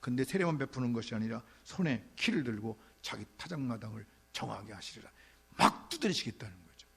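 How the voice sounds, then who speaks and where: A middle-aged man preaching a sermon as pastor, animated, shouting out quoted rebukes now and then. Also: medium pitch, a little fast, vocal fry, breathy edge.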